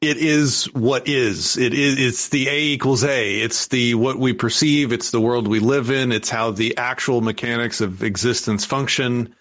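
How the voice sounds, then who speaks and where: A man's voice: mid-range voice, fairly even intonation, unhurried, hardly any pauses, a bit bright. A man who is a guest on a podcast, explaining a topic in a rambling way with frequent restarts. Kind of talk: casual podcast conversation.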